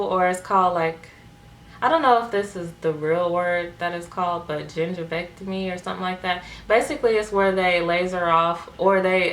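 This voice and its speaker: A woman's voice: lowish voice, fairly bright tone. A young woman talking casually to viewers in a vlog, chatty and full of "like" fillers. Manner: chatty, filler-heavy with frequent "like". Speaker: vlogger. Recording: echoey room with faint noise.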